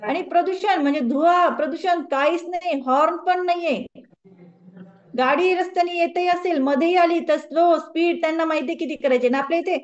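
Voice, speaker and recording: A high-pitched woman teaches a wellness class and turns often to the group with questions. The recording sounds dull and lo-fi. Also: normal speed. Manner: conversational, asks the audience questions. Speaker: wellness coach. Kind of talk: lecture to a group.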